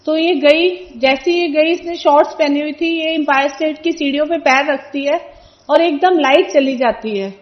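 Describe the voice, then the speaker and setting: A woman's voice: sits high, normal speed, lo-fi sound. Middle-aged woman telling a devotional story. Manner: storytelling, animated retelling of family events with quoted dialogue. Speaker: devotee sharing testimony. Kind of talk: personal testimony at a satsang.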